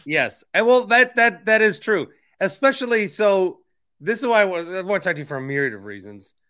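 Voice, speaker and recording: Bright, forceful American man hosting. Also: sits high, very animated, brisk. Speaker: podcast host interviewing a guest. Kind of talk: casual sports and politics chat.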